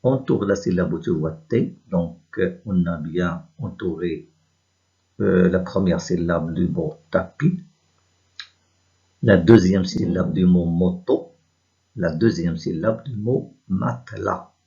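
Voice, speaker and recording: Slow deep-voiced man teaching reading. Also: gravelly, warm tone, lo-fi sound. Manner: slow, deliberate, spelling out sounds and syllables. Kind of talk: reading lesson for young children.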